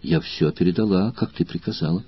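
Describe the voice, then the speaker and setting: A man with a husky voice reading the quiet, dutiful lines of a young female slave in an audiobook. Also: sits low, a little fast, dull audio.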